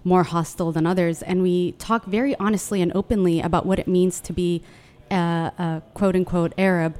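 A young woman from Yemen co-hosting a live radio talk show in a hotel studio, chatting candidly and telling animated stories. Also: fairly low pitch, moderate pace, clear, resonant tone. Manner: candid, animated storytelling with quoted voices. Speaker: podcast co-host. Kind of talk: casual radio chat.

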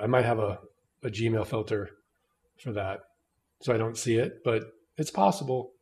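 A man hosting a podcast roundtable, joking and emphatic in casual chat. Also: lowish voice. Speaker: podcast host.

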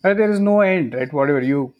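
A middle-aged man from Maharashtra, a native Marathi speaker with a Marathi Indian accent, chatting casually in a halting way and often checking in with "right?". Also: fairly high pitch, animated, lo-fi sound. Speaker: podcast participant. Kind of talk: casual chat.

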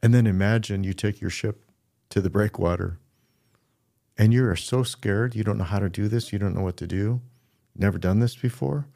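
A middle-aged pastor and podcast co-host speaks earnestly in a low, gravelly voice with a dark, mellow tone, at normal speed. In a casual podcast conversation, he eases into stories and acts out what people said. He's recorded dry and close on the mic, with no room sound.

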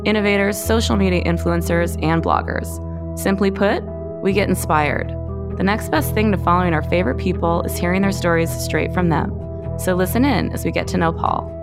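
A woman's voice: fairly low pitch, brisk, over music. A woman hosting a podcast, reading an upbeat scripted introduction to the show and its guest. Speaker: podcast host.

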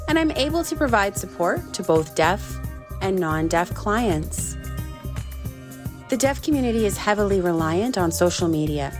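A woman giving a first-person voice-over interpretation of a signer's words, in a calm, measured delivery. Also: fairly low pitch. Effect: interpreter's voice-over translating sign language. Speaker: sign language interpreter.

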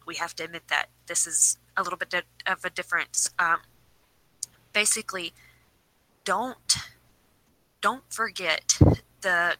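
Woman podcast co-host, very bright tone, earnest and pleading, a little shaky from the cold, dry sound. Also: lowish voice, no echo, rough recording. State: shivering, slightly shaky voice. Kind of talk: casual chat. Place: cold room.

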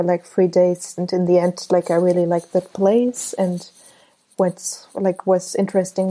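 A German photographer in her twenties, appearing as a guest, answers interview questions hesitantly and casually, using many fillers. Her voice is medium in pitch with a dark tone, and the audio quality is poor.

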